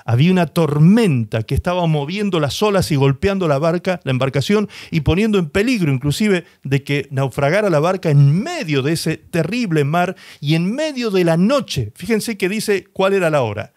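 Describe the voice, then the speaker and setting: A male pastor preaching a sermon, retelling scripture dramatically and slowing down for emphasis. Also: fairly high pitch. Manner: expressive preaching, slows and rises for emphasis; dramatizes scripture, voicing the people in the story.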